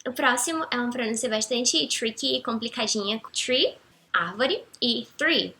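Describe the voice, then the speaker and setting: A young Brazilian woman with a Brazilian Portuguese accent, patiently explaining English pronunciation as a teacher and slowing down for example phrases. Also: fairly high pitch, bright, forceful tone. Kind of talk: explanatory language lesson.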